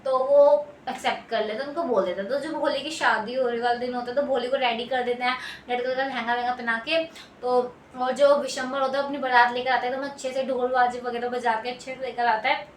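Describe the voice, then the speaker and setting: A woman's voice: high voice, fairly even intonation, fairly quick. A woman tutor casually retelling a textbook story, rambling with many fillers and restarts. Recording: echoey room, distant mic, faint noise.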